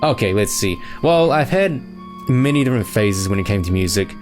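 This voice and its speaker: Young male host, low-ish voice, relaxed rambling Q&A, steady music underneath. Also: normal speed. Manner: easygoing, rambling, lots of fillers. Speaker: channel host answering fan questions. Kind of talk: casual chat. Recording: music playing behind.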